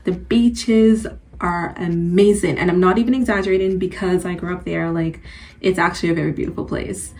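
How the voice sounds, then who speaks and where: A woman's voice: fairly low pitch, moderate pace. Chatty young woman vlogger from Antigua. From Antigua, born in Guyana. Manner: chatty, relaxed, loose with fillers. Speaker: channel host. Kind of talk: casual personal vlog.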